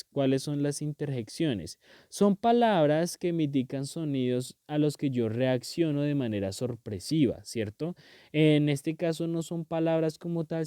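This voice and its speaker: Man, teacher, patient explaining, smooth mellow voice. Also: a little high, no echo, studio quality. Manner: patient, repeats "¿cierto?" and "¿listo?" to check understanding. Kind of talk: explaining a grammar lesson.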